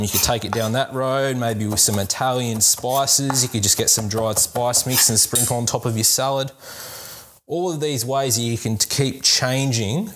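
A young man hosting a cooking lesson in a home kitchen, chatting casually and upbeat to viewers while he chops vegetables. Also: fairly low pitch. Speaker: cooking show host, sports dietitian. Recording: kitchen clatter and chopping noise. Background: knife chopping on board, dishes clinking.

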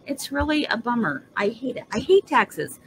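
A woman's voice: a little high, very animated, normal speed, a little hiss or hum, low-quality recording. A woman chatting casually and enthusiastically like a home shopping host during a live craft demonstration, checking in with her viewers. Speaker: host of a live embroidery demonstration and sales show.

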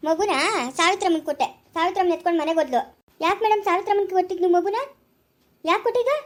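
A woman's voice: extremely high pitch, rapid-fire. A woman playing a harsh female police officer who scolds and threatens, in an amateur family drama. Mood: firm.

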